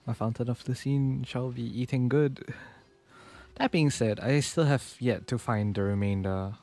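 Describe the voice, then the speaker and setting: A young man who streams as a virtual YouTuber gives casual, chatty live gameplay commentary, thinking aloud in a laid-back way. His voice is medium-pitched, measured and mellow, with game music behind it.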